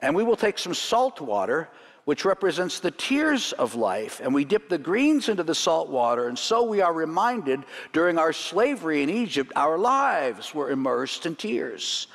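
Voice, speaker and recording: A man's voice: on the high side, very animated, moderate pace, vocal fry. A man leading a congregation through the items of a Seder plate, teaching in a sermon style with light jokes and chuckles. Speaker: rabbi leading a Seder demonstration. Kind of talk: sermon demonstration. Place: church sanctuary. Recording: long church hall reverb.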